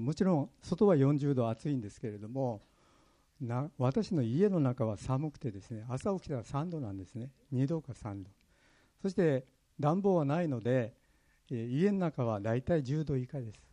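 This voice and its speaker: A man's voice: mid-range voice, dark tone. A pastor from Kyushu, Japan, preaching a sermon in an earnest way, sharing his own stories. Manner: earnest, personal storytelling.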